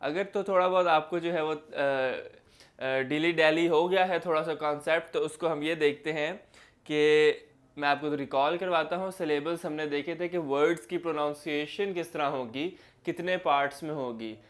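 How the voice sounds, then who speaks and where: A man's voice: fairly high pitch, moderate pace. Male teacher, step-by-step lecture. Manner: explains step by step, repeats key words. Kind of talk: classroom lecture.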